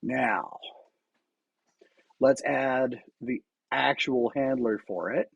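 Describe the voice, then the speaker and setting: With a creaky, medium-pitched, somewhat mellow voice, a man casually comments on his live coding over slight background noise. As he types he thinks aloud, with fillers and many restarted sentences.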